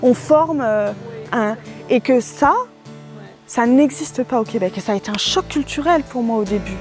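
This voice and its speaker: Woman, high voice, animated and chatty, faint music behind. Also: moderate pace. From France. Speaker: interviewee. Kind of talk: documentary testimony.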